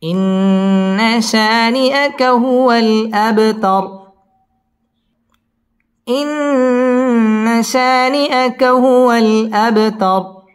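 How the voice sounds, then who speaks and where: A man teaching Quran recitation. He patiently spells out letters and syllables, then chants the verses in long drawn-out melodic lines. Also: very high voice, fairly even intonation, clear, resonant tone, soft background music.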